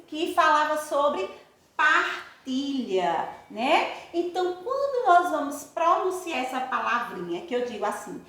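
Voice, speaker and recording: A Brazilian woman teacher leads a recorded lesson for young children, her high voice rising and falling a great deal. She speaks slowly and affectionately in a sing-song way. The recording is very echoey, as if made in a bare room. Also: fairly bright tone. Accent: Brazilian Portuguese. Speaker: primary school teacher.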